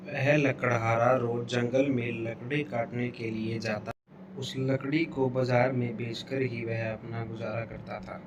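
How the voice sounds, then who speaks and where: Flat-toned man narrating a cartoon story. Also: medium pitch, a little slow. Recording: noticeable background noise.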